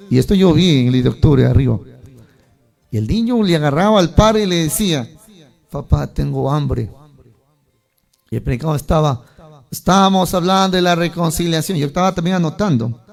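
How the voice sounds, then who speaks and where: Preacher, male, high gravelly voice, lively storyteller who acts out voices, faint music underneath. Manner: animated storytelling, acting out voices of churchgoers. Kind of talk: sermon.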